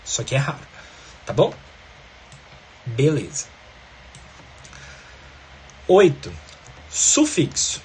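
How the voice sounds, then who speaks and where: A man's voice: medium pitch, sing-song, slow, long pauses, mellow, slight background noise. A man teaching a grammar lesson, explaining step by step and often checking in with the listener.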